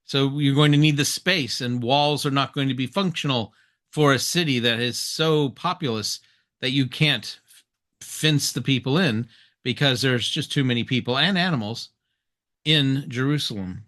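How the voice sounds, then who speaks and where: A man's voice: mid-range voice, moderate pace, a bit bright. A man giving a recorded Bible lesson, explaining plainly and reading scripture passages aloud. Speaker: Bible teacher.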